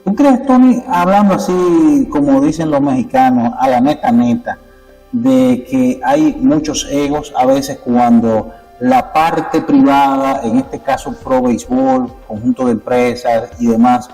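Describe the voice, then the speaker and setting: A male host interviewing a guest, mostly giving brief affirmations and asking slow questions. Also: mid-range voice, dark tone, big-room sound, far from the mic, faint music behind, poor audio. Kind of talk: conversational interview.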